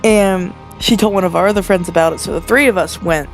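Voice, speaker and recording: A woman's voice: on the low side, fast. A young woman in her twenties telling casual storytime anecdotes in a rambling voiceover, full of fillers and restarts. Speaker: storytelling narrator. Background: faint background music.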